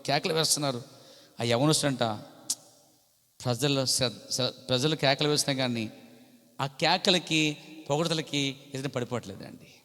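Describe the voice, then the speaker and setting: A man with a Coastal Andhra Telugu accent preaching a sermon in church, with polite tags on his sentences and swelling louder on key phrases. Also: on the high side. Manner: polite "andi" tags throughout. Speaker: pastor. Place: church hall. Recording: long reverb of a church hall.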